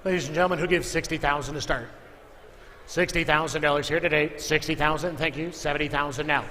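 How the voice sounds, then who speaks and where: A man's voice: fairly high pitch, fairly even intonation, fast, bright, forceful tone. A man working as an auctioneer, calling live bids in a repetitive chant of figures. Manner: repeats figures and calls for bids. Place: large indoor auction room. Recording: echoey hall with clear background noise.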